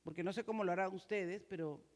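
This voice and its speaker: A woman pastor with a Peruvian Spanish accent preaching a sermon in a high, strong voice, earnestly asking the congregation questions. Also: fast. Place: church. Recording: reverberant church hall.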